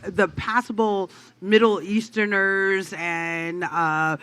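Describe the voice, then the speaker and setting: A woman from South Florida on a podcast panel, telling stories in an animated, slangy way. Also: mid-range voice, slow, clean tone. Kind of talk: casual group chat.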